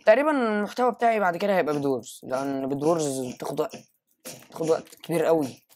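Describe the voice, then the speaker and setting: Egyptian guy commentating his game live, hyped, yelps high and loud a lot, throws in english. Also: racing, slight background noise. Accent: Egyptian Arabic. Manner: excitable, jumps to loud high exclamations, mixes in English. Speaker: gaming YouTuber.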